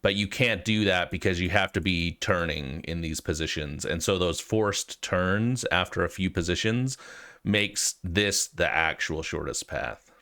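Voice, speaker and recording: A low, pushed, bright voice moves at a measured pace as this American man, who has a cold, hosts a programming walkthrough. He explains casually and informally, stumbling into hesitations while thinking aloud.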